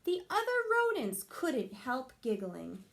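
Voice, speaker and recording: A woman teacher reading a picture book aloud to her class and explaining the lesson, with expressive storytelling. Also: high-pitched, slow pace, vocal fry.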